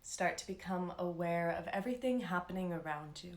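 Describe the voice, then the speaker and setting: A woman's low-side voice echoes around the room as she leads a live meditation. Soothing and calm, she speaks slowly and pauses for long stretches.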